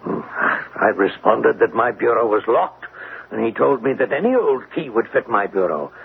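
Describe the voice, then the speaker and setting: This vintage radio drama clip features an actor voicing a stern, tormented middle-aged father with formal, theatrical delivery. His medium-pitched voice is creaky and swings widely in pitch at a moderate pace, and the mood is troubled. The old recording sounds tinny and full of hiss.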